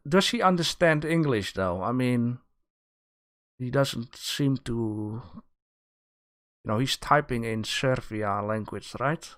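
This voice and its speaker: A man with a mid-range, fairly bright voice hosts a livestream where he critiques art. He rambles casually with his viewers, jokes with chat, and keeps halting to restart his sentences.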